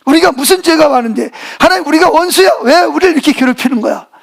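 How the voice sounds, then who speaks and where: Bitter, scolding wife in a retold scripture story, voiced by a man in his sermon; high-pitched. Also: lively intonation, fairly quick, heavily acted. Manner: scolding, shouting questions.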